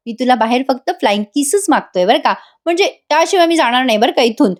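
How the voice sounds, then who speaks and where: A woman's voice: high-pitched, expressive, fast talker. A woman voicing a young husband who teases his wife playfully, in a coaxing manner.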